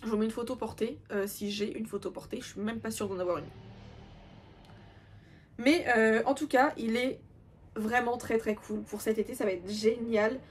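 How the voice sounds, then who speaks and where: A woman's voice: fairly high pitch, steady tone, moderate pace, slight background noise. A young woman in casual chat, showing her crochet projects with self-mocking asides and many fillers. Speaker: crochet vlogger.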